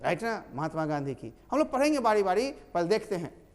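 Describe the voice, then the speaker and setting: A man's voice: high voice, a little fast. A man from Bihar teaching silent letters in English, talking, spelling words out and correcting himself often. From Bihar, India. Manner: animated, repeats and corrects, spells letters aloud. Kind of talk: classroom lesson on silent letters. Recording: long hall reverb.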